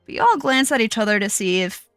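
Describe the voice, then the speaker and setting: A woman's voice: on the high side, fast talker, dry recording, faint music behind. Woman narrating as dungeon master. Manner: descriptive, calm scene-setting. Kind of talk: narrating a tabletop game.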